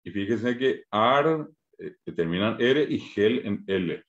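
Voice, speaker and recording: A lowish, lively-toned man with a Paraguayan Spanish accent gives an online Guarani lesson by video call, with the highs cut off from the audio. Patiently, he spells out the syllables slowly, one at a time.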